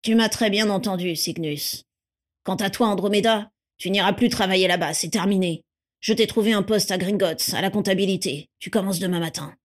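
A man's voice: high voice, brisk, close to an everyday voice. A woman voicing a cold, domineering older man who talks down to the family and makes threats. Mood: threatening. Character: cold domineering pure-blood patriarch. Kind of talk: audiobook character reading.

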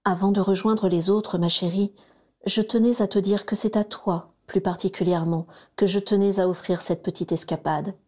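Woman reading as a warm, coaxing mother. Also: medium pitch, steady tone, normal speed, close to an everyday voice. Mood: tender. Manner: gentle, affectionate, coaxing.

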